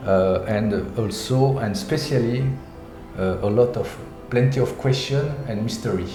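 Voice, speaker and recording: A man's voice: fairly low pitch, measured pace, music in the background. A man from France, an artist who speaks hesitantly and searches for his words. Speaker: light designer and artist. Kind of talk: documentary interview. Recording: roomy echo.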